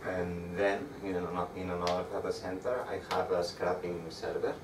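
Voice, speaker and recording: A young man with a Spanish accent giving a meetup tech talk with slides, speaking haltingly with frequent restarts. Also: deep voice, fairly even intonation. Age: young adult. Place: dark room with projector screen. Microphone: far camera. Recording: echoey room, distant mic, audible background noise.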